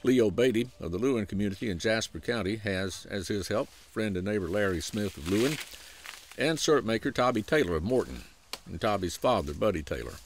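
A man with a Southern US accent narrating a documentary feature in a folksy, unhurried storytelling way. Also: fairly low pitch, animated, slight background noise. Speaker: program host and narrator. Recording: voice-over with music underneath.

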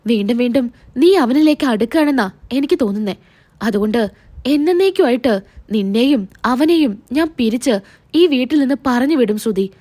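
Woman reading a scheming young man, pushy and resentful, coaxing then threatening, high light voice, serial recap. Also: warm tone.

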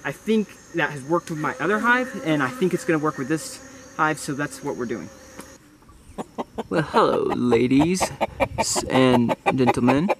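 A young man narrates a casual homestead vlog in a high-ish, animated voice, a little slow, with crowd noise in the mix. Standing among bushes and beehives in his garden, he explains the hives in a rambling, self-correcting way, while the handheld or close-framed camera mic picks up buzzing bees and insects.

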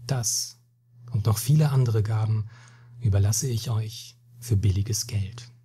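A man voicing a weary, hot-tempered Spanish captain in a read-aloud story, solemn and weighty, with a very breathy, husky voice. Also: on the low side, a little slow, dark tone. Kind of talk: storybook reading.

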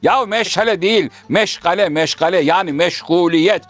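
A pompous, learned shadow-puppet gentleman who corrects and moralizes in proverbs. The voice is pitched high and swings animatedly as he lectures. Faint music runs behind. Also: sing-song, brisk, exaggerated voice. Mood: lecturing. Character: learned, preachy male shadow-puppet scholar. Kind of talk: traditional shadow-puppet comedy dialogue.

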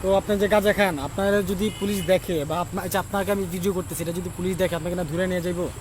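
A man's voice: high voice, fairly even intonation, quick pace. A man with a Bangladeshi Bengali accent doing a casual street interview, prodding with questions. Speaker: street interviewer filming for own channel. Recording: street noise behind the voice.

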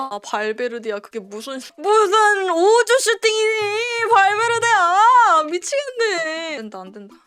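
A woman livestreams her reaction to a football match, getting emotional, swearing, and yelling at the players. Her voice sits high.

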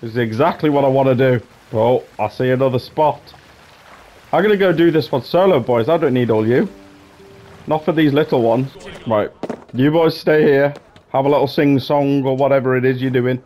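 A young man giving excitable, jokey gameplay commentary, swearing often and slipping into mock-heroic asides. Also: medium pitch, moderate pace, slight background noise. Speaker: gaming YouTuber.

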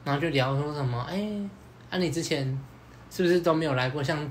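A young man with a Taiwanese Mandarin accent and a higher, quick-paced voice hosts a podcast, with slight background noise. Chatting casually, he tells a lively dating story full of slang and mild swearing, acting out the quoted lines.

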